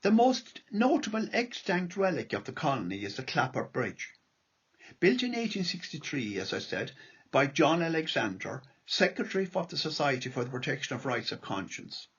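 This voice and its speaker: A man's voice: on the high side, big pitch swings, moderate pace, a bit bright, slightly rough, lo-fi sound. An Irish man reading a prepared lecture aloud as a local history speaker.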